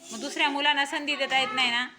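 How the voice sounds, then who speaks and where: A woman's voice: sits high, steady tone, fast talker, heavy background noise. A woman teaching young children in a classroom, coaxing answers with repeated short questions. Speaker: primary school teacher.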